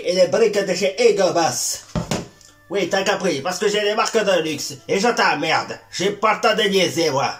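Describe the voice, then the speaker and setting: A man's voice: high voice, a bit bright, voice pushed up, heavily acted. A man putting on a brash Québécois kung-fu master. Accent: put-on Québécois French. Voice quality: swaggering, insulting, mock-solemn. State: voice worn out. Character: boastful self-styled male martial arts master. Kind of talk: comedy sketch.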